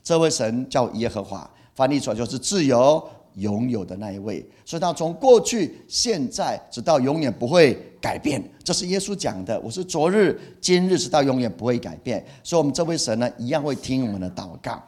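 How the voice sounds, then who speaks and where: A middle-aged male pastor preaching in a mid-pitched voice. He is animated and expressive, repeating key phrases for emphasis and voicing feelings through exclamations. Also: a little fast, few pauses. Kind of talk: sermon.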